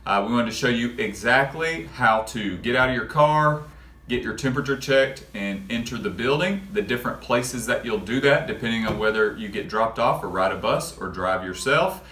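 A man's voice: mid-range voice, moderate pace, recorded from a distance, slight background noise. A man in his thirties giving a friendly, casual school announcement from an office, with a few fillers. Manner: friendly, relaxed, uses fillers. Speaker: school administrator. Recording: roomy echo, slightly off-mic.

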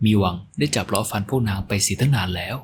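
Narrator: male, low voice, dramatic scripted reading, faint hiss behind. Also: fast talker. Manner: dramatic storytelling. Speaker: audio novel narrator.

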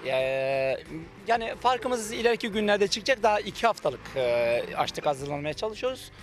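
Under the trees by a beach, a middle-aged Turkish man who manages a cafe gives an on-camera interview into a handheld reporter mic. His high, sing-song voice hesitates through long, drawn-out fillers while he makes self-assured claims, with soft music playing in the background.

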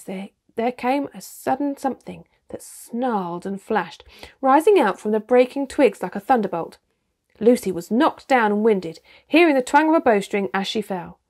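A woman reading a children's storybook aloud, with steady, expressive narration. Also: fairly high pitch. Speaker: reader.

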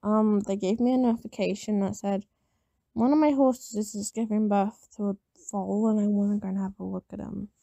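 Sleepy, slightly raspy woman, just woken up. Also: mid-range voice, steady tone, normal speed, warm tone, no echo. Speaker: gamer narrating gameplay. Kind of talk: casual gameplay commentary.

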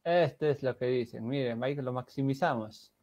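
A man's voice: medium pitch, normal speed, a little mellow, highs cut off. A man assisting in an online language class over a video call, making brief encouraging remarks to the students.

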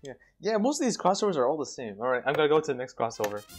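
A man giving casual, excitable gaming commentary, laughing often and cursing mildly. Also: a little high, racing, soft background music. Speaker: gameplay commentator.

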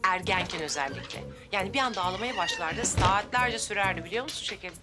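A woman's voice: mid-range voice, expressive, fast, music in the background, lightly acted. An actress playing a chatty, teasing woman in a TV comedy drama. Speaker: Nurcan, the sister-in-law.

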